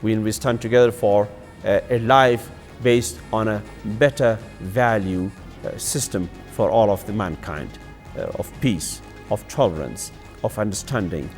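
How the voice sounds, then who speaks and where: Low-voiced man, halting statement. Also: a little mellow. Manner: halting, with restarts and long pauses. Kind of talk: unscripted statement.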